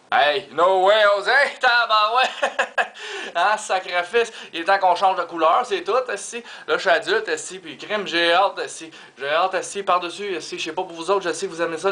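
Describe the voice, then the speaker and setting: A man with a thick Québécois French accent rambles through a stand-up comedy monologue, stuffing his sentences with Quebec swear fillers and stray English words. His voice sits a little high and sounds bright and tense. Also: expressive, a little fast, hardly any pauses. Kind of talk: comic monologue.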